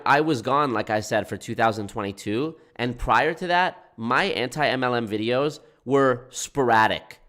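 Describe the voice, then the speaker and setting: A man with a medium-pitched, slightly bright voice that sounds nasal and congested. He's an anti-MLM YouTube creator chatting casually with his livestream audience, rambling, correcting himself and frequently restarting sentences.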